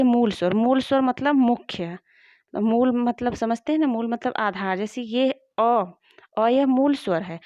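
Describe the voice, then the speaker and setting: A woman teacher with a fairly high voice goes through a grammar lesson steadily and patiently, repeating each point so students can keep up. She's recorded close up in a dry room with no room sound, leaving the audio dull and a bit muffled.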